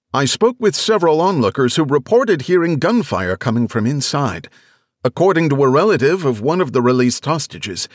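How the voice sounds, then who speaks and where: A man's voice: medium pitch, no echo, clean studio sound, pitched above the performer's own voice, natural voice. A man voicing a woman TV field reporter on scene in an audiobook, delivering the news urgently and straining to be heard. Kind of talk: audiobook character voice.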